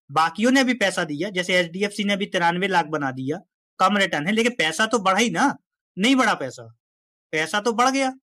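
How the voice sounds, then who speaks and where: A man's voice: sits high, sharp tone, no room sound. A man speaking directly to viewers about investing in a casual, emphatic, exhorting way. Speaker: finance YouTuber. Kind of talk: direct-to-camera finance talk.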